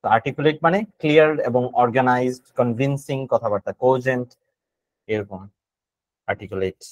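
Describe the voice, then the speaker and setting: A man with a Bangladeshi accent leads an online GRE vocabulary class in a relaxed, thinking-aloud manner. His voice sits at an ordinary middle pitch. It is picked up dry and close on a computer mic. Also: brisk, no echo, dull audio. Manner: casual and thinking aloud, mixing English words into Bengali explanations. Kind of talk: online vocabulary class, explaining word meanings.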